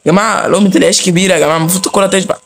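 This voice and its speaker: Egyptian guy gaming, talks fast, nervous, keeps begging the character to move. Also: sits high, steady tone, a little hiss or hum. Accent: Egyptian Arabic. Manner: nervous chatter, pleads with the game character. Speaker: gaming channel host. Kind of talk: let's play commentary.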